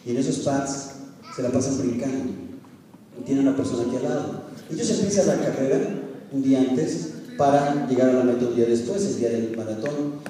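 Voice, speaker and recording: A man's voice: mid-range voice, fairly quick, far from the mic. A middle-aged man from Guadalajara with a Mexican accent, preaching and coaxing his listeners with games and laughter. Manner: animated, coaxing, laughing with the crowd. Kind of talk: lively sermon with audience games. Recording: echoey hall from afar with crowd.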